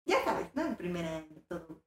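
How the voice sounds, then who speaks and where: A young woman with a Mexican accent, an animated storyteller who acts out the voices in her story. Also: lowish voice, moderate pace, very echoey. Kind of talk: casual chat.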